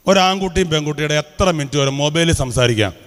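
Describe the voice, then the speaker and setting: Speaking quickly and in a high voice, a Keralite preacher in his fifties delivers an animated religious talk to a hall packed with schoolchildren. He fires repeated questions at the students, and the large room gives the audio a strong echo.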